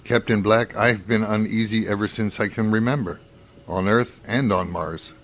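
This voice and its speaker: Low-voiced, wry brooding scientist played by a man. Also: steady tone, fairly bright tone, close to an everyday voice. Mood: bitterly wry. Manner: musing, dry, deliberate. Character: wry, detached, brooding male scientist doctor on a space crew. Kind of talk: science fiction radio drama acting.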